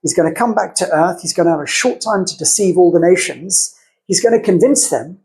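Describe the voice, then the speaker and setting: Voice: mid-range voice, fairly quick, a little mellow, slight background noise, low-quality recording. A podcast co-host in a casual theological discussion, thinking aloud in a discursive way and acting out opposing arguments.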